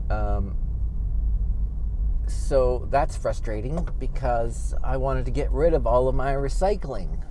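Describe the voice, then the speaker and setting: A man's voice: medium pitch, mellow. A man hosting a podcast with a casual, rambling monologue, recorded while out and about with his car. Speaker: podcast host. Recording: faint outdoor and vehicle noise.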